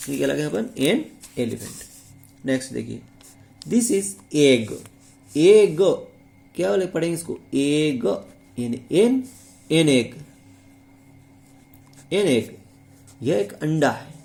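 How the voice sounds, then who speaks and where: Mellow-voiced Hindi teacher drilling grammar. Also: male voice, on the high side, sing-song, a little slow, vocal fry, pauses often. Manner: repeats words and asks rhetorical questions. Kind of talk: classroom-style video lesson.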